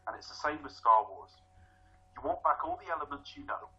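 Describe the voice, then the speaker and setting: A man's voice: a little high, lively intonation, fairly quick, sharp tone. Man on a lo-fi call. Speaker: podcast panelist. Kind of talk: casual panel chat.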